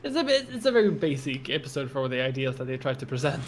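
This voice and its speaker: A man from Sweden, a YouTuber guesting on a casual chat, relaxed, with quick laughing asides. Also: medium pitch, faint music behind.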